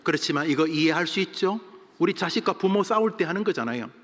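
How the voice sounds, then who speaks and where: A man's voice: a little high, lively intonation, fast, slight background noise. Fiery preacher man in a reverberant church. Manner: dramatic, acts out quarrels in loud shouts. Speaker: senior pastor. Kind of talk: sermon. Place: church sanctuary. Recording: long reverb of a church hall.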